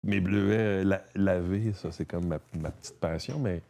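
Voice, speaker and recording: A man's voice: low-pitched, normal speed, vocal fry, dark tone, a little hiss or hum. A man from Quebec with a Québécois French accent, a guest chatting casually and rambling, with many restarts and a lot of "tu sais". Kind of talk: casual conversation.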